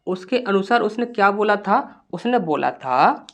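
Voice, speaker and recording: A man's voice: high voice, lively intonation, measured pace, fairly bright tone, highs cut off. A male teacher giving a grammar lesson in a patient, step-by-step classroom manner. He keeps posing rhetorical questions to his students and then answers them himself.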